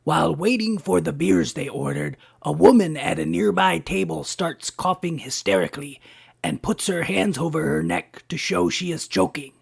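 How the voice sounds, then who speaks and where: Scruffy Bat, a man doing a gravelly cartoon bat comic. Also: a little high, heavily acted. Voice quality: gravelly, husky. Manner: punchy joke delivery, quick switches between characters' voices. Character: scruffy male cartoon bat comedian, jokey. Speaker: late-night comedy host. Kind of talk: cartoon stand-up joke telling.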